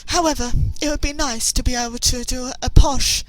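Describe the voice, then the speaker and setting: British woman, gameplay commentator; casual, self-deprecating, slightly high voice. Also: steady tone, moderate pace, soft background music, low-quality recording. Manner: chatty, self-deprecating, hesitant with fillers.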